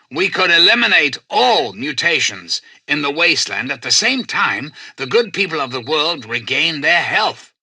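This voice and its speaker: President Eden, forceful, commanding computer leader. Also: male voice, medium pitch, breathy edge, no room sound, exaggerated voice. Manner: measured, formal, persuasive, faintly condescending. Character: courteous, commanding, manipulative male computer president. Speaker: voice actor. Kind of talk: video game character dialogue.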